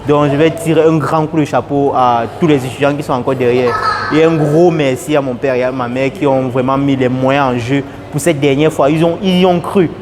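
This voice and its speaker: A young man giving an earnest, casual testimonial at an airport, repeating his phrases and getting animated. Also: mid-range voice, fairly quick, noisy background. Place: airport, indoors.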